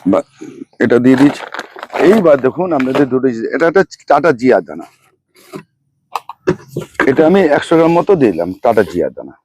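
A man's voice: medium pitch, big pitch swings, a little fast, long pauses, a little mellow, slight background noise. A middle-aged man, hosting a gardening channel, who walks through a fertilizer mix and names and repeats each ingredient and amount as he goes. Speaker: rooftop gardening channel host. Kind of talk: hands-on gardening demonstration.

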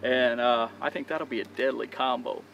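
A man's voice: medium pitch, fairly even intonation, moderate pace, vocal fry, lo-fi sound, noisy background. Chatty man unboxing a fishing rod outdoors. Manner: enthusiastic, chatty, addresses viewers as guys. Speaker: fishing channel host. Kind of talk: casual product unboxing. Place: outdoors on a dock by open water.

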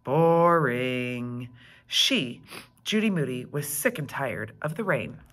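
A woman reading a children's chapter book aloud as a teacher, expressive and engaging. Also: deep voice, slightly rough. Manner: expressive, slow and animated.

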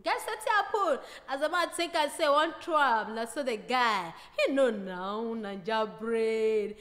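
A woman's voice: on the high side, expressive, unhurried, a bit bright, in a large hall. A woman with a Nigerian Pidgin accent telling comic stories and laughing at her own jokes. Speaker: comedian storyteller.

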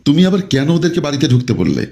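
A man's voice: a little high, big pitch swings, very fast, creaky, dark tone. A man doing a harsh scolding mother.

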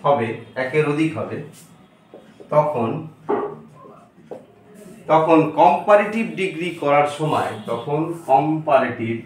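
A man teaching English grammar in a slow lesson, repeating words and spelling them out letter by letter. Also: a little high, expressive, slight background noise. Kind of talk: slow classroom-style lesson. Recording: very echoey room, distant mic.

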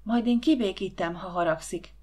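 A woman voicing an excitable, playful teenage girl who whispers eagerly in an audiobook. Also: medium pitch, close to an everyday voice. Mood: proud, eager.

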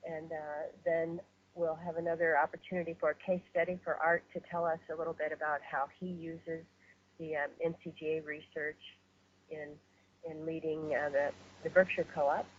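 A woman hosting and facilitating a webinar call, speaking in a measured way with many fillers and restarts. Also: low-pitched, flat delivery, a little hiss or hum. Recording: muffled phone-line webinar audio.

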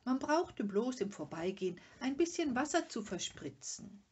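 A gentle, calm troll mother who soothes and placates, as a woman reading a storybook voices her. Her voice is a touch raised and soft-edged. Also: on the high side, normal speed, slightly rough, pitched above the performer's own voice, full character voice. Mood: soothing.

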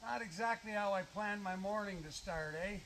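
A man's voice: high-pitched, normal speed, a bit bright. Muttering man at a woodland campsite. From Canada. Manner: self-mocking, mutters and swears to himself while working. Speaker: vlogger. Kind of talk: casual solo vlog talk. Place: outdoor campsite in the woods. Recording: noisy outdoor camera audio.

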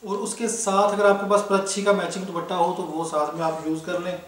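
A man's voice: high-pitched, flat delivery, brisk. A man with a Pakistani Urdu accent, selling fabric in a casual chatty way, talking straight to his customers with fillers. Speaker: online cloth seller. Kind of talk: casual sales talk. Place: indoors, filming fabrics on a table. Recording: very echoey room, voice somewhat far off.

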